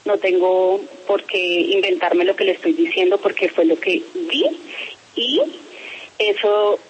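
A woman's voice: lowish voice, a little slow, slight background noise, poor audio. A woman being interviewed by phone about a complaint, speaking firmly and formally. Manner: firm, insistent, formal. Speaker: interviewee, parent making a complaint.

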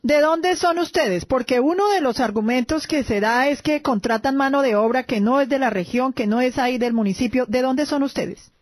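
A woman hosts a radio news interview, asking pointed questions and often pausing on hesitant fillers. Her voice sits a little high, recorded dry and close in a studio. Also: no room sound. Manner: probing, many hesitation fillers.

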